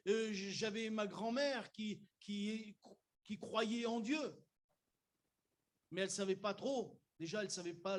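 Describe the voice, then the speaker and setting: In a high-pitched voice, an Algerian man serving as pastor delivers a church sermon. He talks with the congregation directly, working his way toward emphatic declarations.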